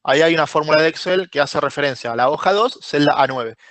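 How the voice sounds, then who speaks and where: A man's voice: on the high side, quick pace, fairly bright tone, no room sound. A man with a Rioplatense Spanish accent teaching a live online spreadsheet class, explaining step by step, quizzing students and praising their answers by name. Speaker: Excel course instructor.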